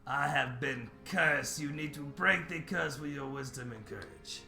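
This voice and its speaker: Casting: man as ancient guardian tree spirit for a fantasy game, solemn, grandiose, slightly gravelly, in an echoey room. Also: fairly high pitch, sharp tone, faint music behind, heavily acted. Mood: solemn, grand. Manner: grandiose, archaic, slow declaiming.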